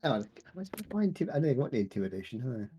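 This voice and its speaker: Male player. Mellow, breathy-edged voice, rapid casual delivery, improvised game talk. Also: medium pitch, very animated, lo-fi sound, soft background music. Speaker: player in a tabletop role-playing game.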